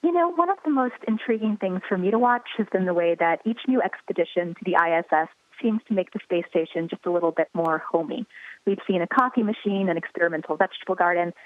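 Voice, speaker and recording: A woman's voice: on the low side, fast talker, dry recording, narrow, tinny audio. A woman journalist asking prepared interview questions over a phone or radio link.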